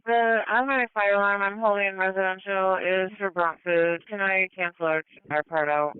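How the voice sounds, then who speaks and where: A woman working as an emergency dispatcher, giving brisk, matter-of-fact calls in radio code over a police radio channel. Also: mid-range voice, fairly even intonation, clean tone, no room sound. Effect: police radio transmission. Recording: tinny scanner radio, dry.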